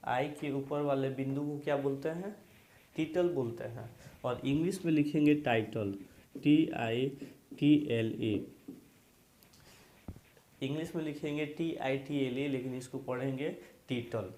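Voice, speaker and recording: A man's voice: medium pitch, steady tone, measured pace, pauses often, mellow. A man teaching an English grammar lesson, drilling points again and again and quizzing his students, asking them to repeat after him. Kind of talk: classroom lesson explaining grammar. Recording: echoey room.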